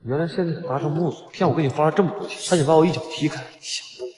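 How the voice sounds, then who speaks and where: A man's voice: fairly high pitch, rapid-fire, a little mellow, close to an everyday voice. An actor playing a pushy, deluded young man who thinks he is dating someone. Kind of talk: short web drama acting. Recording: reverberant room.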